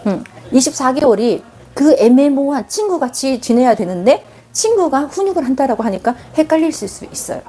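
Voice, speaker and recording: Husky, lively woman giving parenting advice. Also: high-pitched, brisk, hardly any pauses. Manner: emphatic, direct, acts out quoted parent and child lines. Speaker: parenting counselor. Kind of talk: live parenting advice chat. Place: live online broadcast.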